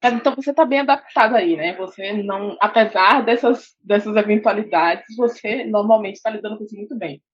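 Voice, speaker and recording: A Brazilian woman co-host asks measured questions, hedging as she thinks aloud. Her voice is husky. The sound is dry and dull, with a slightly lo-fi edge. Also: medium pitch, no echo. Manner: measured, thoughtful questions with hedges. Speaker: podcast co-host. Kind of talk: interview questions.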